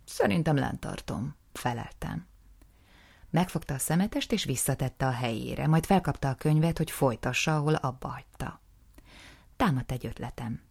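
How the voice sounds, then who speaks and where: A woman narrates a story in first person with a calm, wry, measured delivery. Her voice is low and gravelly with audible fry. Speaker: audiobook narrator.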